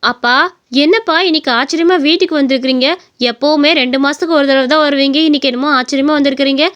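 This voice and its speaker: Woman voicing a fretful young Tamil wife, high and fast. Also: fairly even intonation, a bit bright. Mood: pleading. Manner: exasperated, scolding complaints. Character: young married woman, quick-tempered and fretful. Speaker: voice actor. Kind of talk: cartoon story voice acting.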